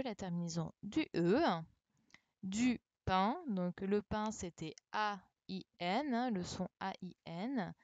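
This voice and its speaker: Over a computer mic on a live stream, a primary school teacher from France works from home with young pupils. She corrects a dictation, spelling words letter by letter in a patient manner and checking their work. Her medium-pitched voice is a little mellow, and the recording is dry and dull.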